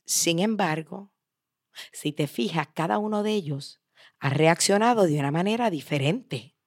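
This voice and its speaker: A woman voicing a wise, patient father who is a chef, speaking calmly and instructively. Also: on the low side, measured pace, dry recording, studio quality. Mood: solemn. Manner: calm, instructive.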